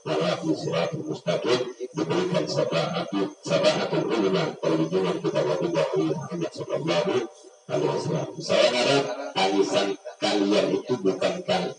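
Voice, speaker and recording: A man, a religious teacher, preaching to children and rising to high emotional pleas. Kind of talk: sermon to children. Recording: very echoey, distant mic, music behind.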